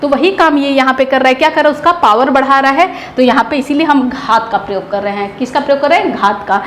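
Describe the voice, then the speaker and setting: A woman a high voice teaches grammar for an exam. She keeps asking questions and answers them herself, repeating each key term. Her voice rings in a room a lot of echo, and faint noise runs underneath. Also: fast. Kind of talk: exam-prep lesson.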